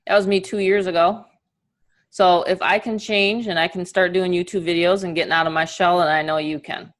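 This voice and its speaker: Middle-aged new york lady coaching on a webinar, chatty and upbeat, kinda low voice. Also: fairly quick. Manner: energetic, chatty, motivational. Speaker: online marketing coach. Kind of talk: casual webinar presentation.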